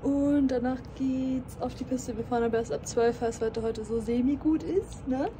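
A woman in her twenties chats into a phone held at arm's length, rambling and amused with herself. Her voice sits a little high. Loud background noise runs under everything she says. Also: moderate pace. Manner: chatty, rambling, self-amused. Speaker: vlogger. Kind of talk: casual vlog chat to camera. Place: airport terminal, then car, then outdoors in snowy mountains.

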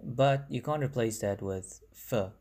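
Here the language explainer's voice is mid-range and darkish, delivered a bit slowly. He's a young native Bangla speaker with a South African accent, casually narrating slides on a phone recording, chatty and quick to fix his own wording.

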